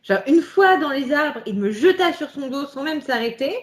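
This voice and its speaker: A woman's voice: high voice, expressive, normal speed. A woman co-hosting a casual podcast chat, laughing often and reading passages aloud. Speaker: podcast co-host.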